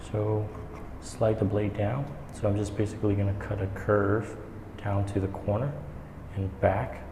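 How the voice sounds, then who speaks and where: Male craft instructor, gravelly and low, casual and halting step-by-step delivery, recorded in a reverberant echoing stairwell. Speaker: woodworking instructor. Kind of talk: hands-on tutorial, talking while working. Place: indoor staircase with strong echo. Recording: echoey stairwell, long reverb, background noise.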